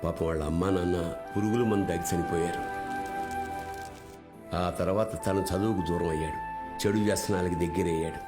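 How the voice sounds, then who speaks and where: An actor voices a somber man recounting sorrowful events. His voice is very deep and measured, slow and grave. Loud film music fills the background. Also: steady tone, close to an everyday voice. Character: somber male elder recounting a sad past. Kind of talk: Telugu film drama dialogue.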